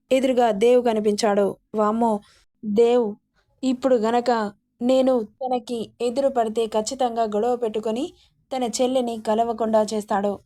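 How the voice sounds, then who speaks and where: Mellow woman telling a story. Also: on the high side. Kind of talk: scripted story narration.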